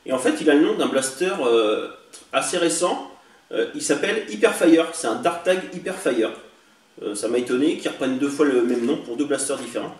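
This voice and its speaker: A man's voice: medium pitch, expressive, fairly quick. Chatty man on a distant, echoey mic. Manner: chatty, hesitant with many fillers. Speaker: toy collector vlogger. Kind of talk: casual show-and-tell demo. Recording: echoey room, distant mic, faint hiss.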